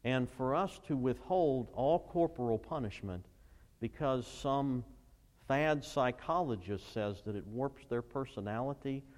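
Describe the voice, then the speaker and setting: A middle-aged man preaching a sermon as pastor, emphatic, rising to loud bursts and reading scripture aloud. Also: medium pitch, a little slow. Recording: long reverb of a large church hall.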